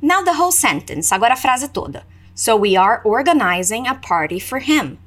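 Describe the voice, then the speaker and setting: Lively woman teaching English. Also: on the high side. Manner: slows down to model English phrases, then explains in Portuguese. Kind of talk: language lesson with repeat-after-me drills.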